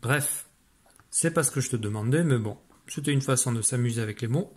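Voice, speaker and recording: A patient male teacher gives a spelling dictation to a young child. He speaks to the child directly, slowing down to spell out each sound and letter. His voice sits at a middle pitch for a man. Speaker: primary school teacher. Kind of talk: online spelling lesson with dictation.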